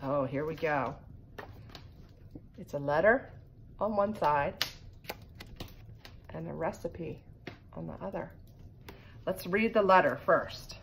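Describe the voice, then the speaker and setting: A middle-aged woman with a low, gravelly voice takes her time reading a children's picture book aloud, leaving long pauses and adding casual asides. She sits by the fireplace in her living room. A phone propped in front of her records the reading, picking up background noise.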